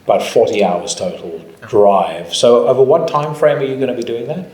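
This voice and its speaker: A man's voice: mid-range voice, normal speed, darkish tone, roomy sound. A man with a South African accent, interviewing a band at a festival talk in a casual, joking way. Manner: chatty, joking, swears casually.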